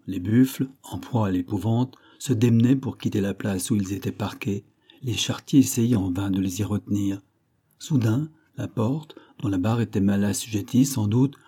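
A man narrating a classic adventure novel as an audiobook in a measured, steady way. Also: lowish voice, breathy edge.

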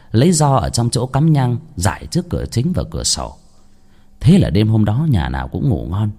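Dramatic storyteller man, lively pitch. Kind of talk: narrating a ghost story.

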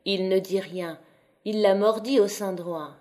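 A woman narrating a classic novel as an audiobook, reading in a measured, even, descriptive way. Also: mid-range voice. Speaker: audiobook reader.

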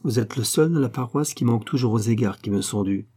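Male reader as a dignified rector, stern, mellow husky tone. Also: medium pitch, fairly quick.

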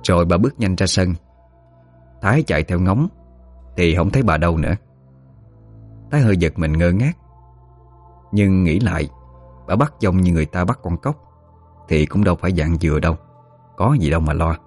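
A man with a deep voice and a Southern Vietnamese accent narrates a ghost story at a steady pace. Faint music plays under his voice. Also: normal speed, long pauses, husky.

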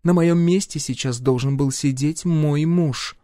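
A man's voice: a little high, lively intonation, normal speed, mellow, no echo, clean studio sound, pitched above the performer's own voice, lightly acted. Man voicing a commanding imperious empress. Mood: forceful, pleading. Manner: insistent, commanding, coolly polite. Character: proud imperious empress, middle-aged woman.

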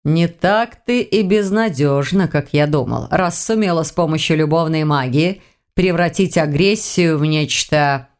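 A woman's voice: low-pitched, measured pace, darkish tone, voice pushed down. A woman voicing a smug, condescending male magic teacher.

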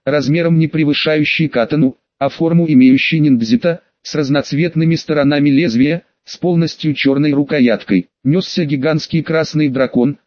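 A man reading an audiobook in an even, steady way. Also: on the high side, no echo. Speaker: audiobook reader. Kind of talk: audiobook narration. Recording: dry, dull lo-fi audio.

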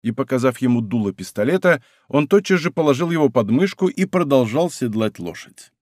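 A man narrating an adventure novel as an audiobook with an expressive, dramatic reading. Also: medium pitch, brisk, no echo, clean studio sound.

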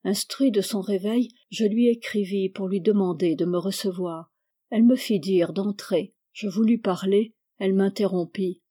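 A woman narrating a classic novel as an audiobook, reading in a measured, even way. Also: mid-range voice, breathy edge. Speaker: audiobook reader.

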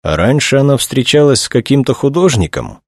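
A man's voice: medium pitch, sing-song, brisk, darkish tone, dry recording, studio quality, pitched above the performer's own voice. A man reading aloud, voicing a matter-of-fact male detective who keeps asking pointed questions. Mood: probing.

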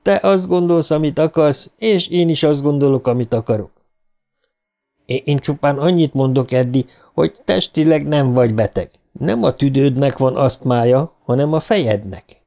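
A man reading a smug, quietly threatening middle-aged pharmacist in an audiobook, calm and self-satisfied. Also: medium pitch, gravelly, close to an everyday voice.

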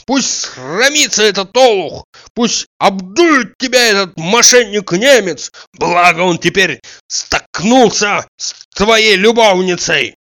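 A man voicing a crude, blustering middle-aged male sponger who shouts insults and abuse. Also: fairly high pitch, lively intonation, measured pace, exaggerated voice. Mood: shouting. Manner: bellowing, abusive, indignant.

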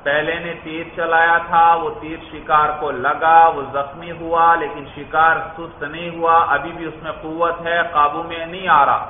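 A man's voice: fairly high pitch, little pitch movement, few pauses, slight background noise. A man teaching Islamic law in a lecture, reading Arabic text and explaining it step by step, often asking questions and answering them himself. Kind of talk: classroom lecture. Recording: tinny phone-like echoey room.

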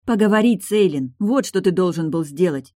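A woman reading an audiobook, voicing a brash, sharp-tongued retired guardswoman who is mocking, blunt and pushy. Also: fairly low pitch, expressive, a little fast, dry recording, studio quality, voice pushed up.

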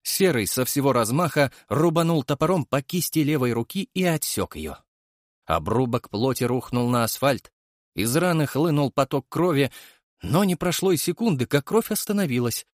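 A man narrating an audiobook in the first person, in an expressive way, on a close microphone. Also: medium pitch, moderate pace, no room sound. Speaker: audiobook reader.

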